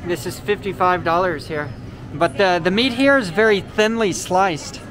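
High-pitched and moderately paced, this male vlogger chats about products during a walk through a large indoor supermarket. The commentary is casual and explanatory, laced with many "uh"s. Everything is captured on a handheld camera mic, so store noise runs throughout.

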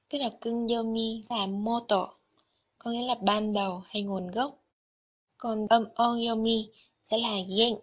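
A woman's voice: a little high, husky. A woman narrating a scripted Japanese lesson, carefully explaining vocabulary and kanji one item at a time. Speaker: Japanese language teacher.

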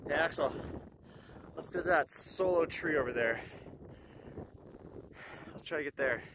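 A man's voice: a little high, unhurried, noisy background. A man casually narrating his outdoor trip to camera on a snowy mountain ridge, in short, matter-of-fact remarks recorded on a handheld phone. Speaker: outdoor vlogger.

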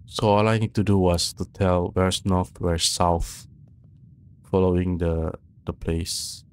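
A young man mutters nervous, jumpy, casual commentary to himself while playing a horror game, speaking into a close boom-arm mic while wearing a headset. His voice is deep and darkish, with a steady tone and a slow pace.

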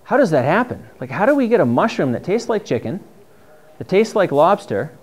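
His voice sits high, sing-song and brisk, as this middle-aged New England man leads a foraging class on mushrooms. The dim classroom has a projector screen for his slides, his manner is chatty and keen, and the mic is a far camera.

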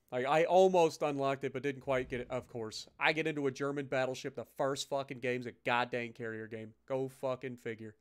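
A man's voice: mid-range voice, smooth. A man giving casual live game-stream commentary and chatting to viewers, with a sweary, exasperated way of talking.

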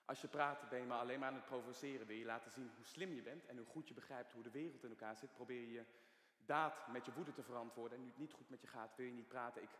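Guy acting a quiet insistent therapist, bright voice, roomy theater echo. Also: mid-range voice, fairly even intonation, quick pace, close to an everyday voice. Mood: calm. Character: calm probing male therapist questioning a patient. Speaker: psychologist. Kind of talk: stage play acting. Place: theater stage. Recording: echoey theater hall.

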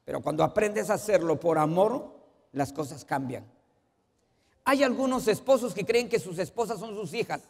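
A pastor's gravelly, high, lifted voice delivers a sermon at normal speed with lively intonation, quizzing the congregation. He moves from forceful emphasis to quiet asides, and each phrase trails into the long reverb of the church sanctuary.

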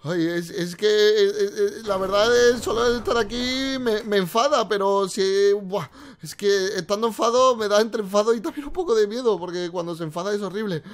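A man hosting a game role-play, talking excitedly to his viewers with frequent stammers. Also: high voice, normal speed, hardly any pauses. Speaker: gaming role-play host.

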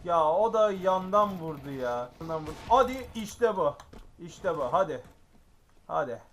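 A man commentating his own gameplay, excitable and frequently exclaiming and grumbling at the game. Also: on the high side, a little slow, a little hiss or hum. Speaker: gaming YouTuber.

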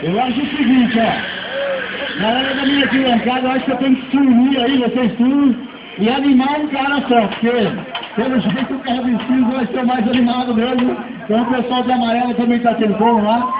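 A man's voice: extremely high pitch, steady tone, brisk. A Brazilian man doing live motorsport commentary as an event announcer, mixed with informal, chatty banter for the crowd. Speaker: event announcer at a drift show. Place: outdoor race track, heard from the spectator stands. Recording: muffled, echoey, distant PA amid loud engine noise. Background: loud car and vehicle noise.

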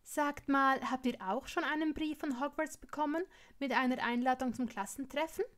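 A woman's voice: sits high, animated, moderate pace, a bit bright. A woman reading a story aloud and voicing a cheerful, chatty young woman.

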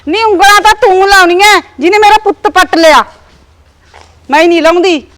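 An actress voices a sharp-tongued old village mother-in-law in a comedy drama. She scolds and grumbles constantly, and her voice sits very high. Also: normal speed. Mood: scolding. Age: older. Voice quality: scolding, nagging.

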